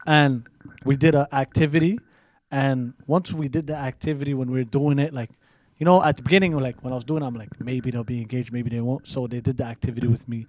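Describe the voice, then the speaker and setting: A man co-hosting a podcast, telling a story in an easy, relaxed way. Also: medium pitch, fast, few pauses, no room sound. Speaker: podcast co-host, camp facilitator. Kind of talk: casual podcast chat.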